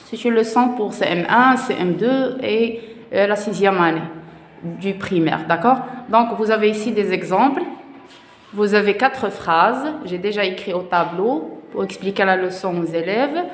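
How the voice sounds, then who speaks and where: A woman teaching a grammar lesson to children in a slow, patient way, repeating each point. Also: medium pitch. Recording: echoey room with long reverb.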